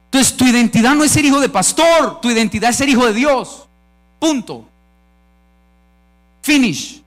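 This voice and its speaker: A man's voice: extremely high pitch, lively intonation, moderate pace, a bit bright. A man with a Colombian Spanish accent preaching a conference sermon, emphatic and calling on the audience to answer back. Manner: emphatic, calls for audience responses. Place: church conference stage.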